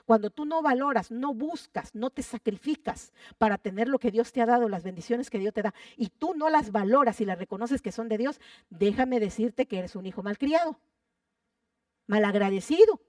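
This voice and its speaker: A woman preaches to her church with fervor and a fairly high voice, often repeating her words and asking the congregation questions. She sounds set back from the microphone. The sound is dry, with little echo. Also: darkish tone, distant mic. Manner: fervent, repeats phrases for emphasis, asks the congregation questions. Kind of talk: sermon. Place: church sanctuary.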